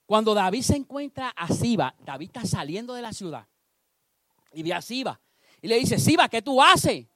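High-voiced animated preacher man. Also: normal speed, no room sound, studio quality. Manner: animated storytelling, acting out voices. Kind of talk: sermon.

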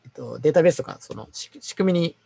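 A man with a husky, gravelly voice picks his words slowly, stumbling and filling pauses as he explains how feedback reaches him. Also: on the high side, lively intonation, dark tone. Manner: hesitant, many fillers and stumbles. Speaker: designer. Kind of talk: casual work conversation.

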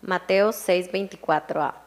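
A woman reading Bible verses aloud in a steady, measured way during a sermon. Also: fairly low pitch. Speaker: scripture reader.

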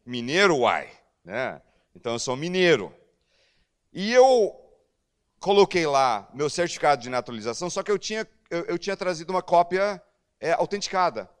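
Animated male pastor telling a story. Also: on the high side, brisk, clear, resonant tone. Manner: animated, acts out dialogue. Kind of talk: storytelling sermon.

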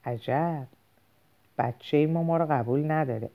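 A woman's voice: sits low, lo-fi sound. Stubborn scornful father, read by a woman. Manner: scornful, shouting bursts. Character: stubborn angry middle-aged father, scornful.

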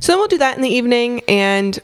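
A woman's voice: on the high side, very animated, quick pace, smooth, dry recording, studio quality. A young woman co-hosting a podcast in casual chat, a little congested from a cold, talking freely with lots of fillers and laughter. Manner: chatty, laughs often, many fillers. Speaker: podcast co-host.

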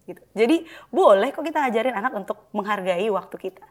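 A woman guest on a podcast who explains parenting advice at length in a lively, casual way. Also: medium pitch, quick pace. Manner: explains at length, lively, acts out calm soft-spoken examples.

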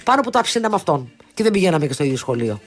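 A woman's voice: on the low side, big pitch swings, slightly rough, soft background music. A woman in her fifties co-hosting a show, telling long stories in casual chat with many restarts and asides. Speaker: radio show co-host.

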